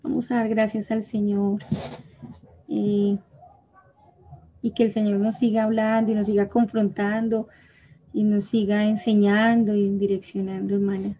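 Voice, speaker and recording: A woman leading a church prayer group on a video call, gently apologizing as she closes the meeting. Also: medium pitch, level tone, measured pace, pauses often. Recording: dull lo-fi video call audio.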